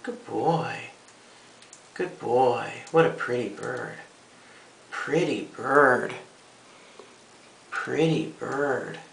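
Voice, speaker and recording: Male pet trainer, gravelly, repetitive short coaxing phrases to a bird, picked up at a distance in a bathroom. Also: mid-range voice, extremely slow, long pauses, fairly bright tone. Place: small indoor bathroom at a sink. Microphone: camera a short distance away. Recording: roomy echo, distant mic, faint hiss.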